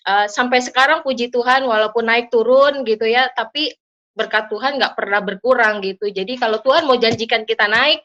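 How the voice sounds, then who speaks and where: A woman sharing her personal testimony with a church congregation, her voice set a little high and bright with a forceful edge. She speaks earnestly and turns to address her listeners directly. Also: a little fast, lo-fi sound. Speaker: church member giving testimony. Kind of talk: personal testimony at an online prayer service.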